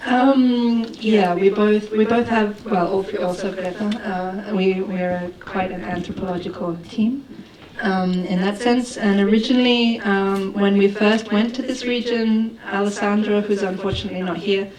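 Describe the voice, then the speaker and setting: With an audience around her, a woman film director gives considered answers at a festival Q&A, filling them with restarts and hesitations. She speaks at a moderate pace in a steady, mid-range voice, captured from a distance in a roomy hall amid crowd noise.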